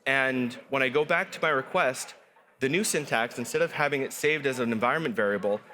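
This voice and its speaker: An upbeat man walks through a software product on a conference studio set, his pitch mid-range. He explains eagerly and restarts his phrases now and then. Faint noise sits in the background. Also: a little fast. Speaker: product guest.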